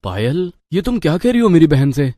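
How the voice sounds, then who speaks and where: A man's voice: on the high side, very animated, a little fast, dark tone, dry recording, clean studio sound. A man voicing a young husband in a cartoon story, blunt and reproachful. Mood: stern. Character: young husband, stern then apologetic.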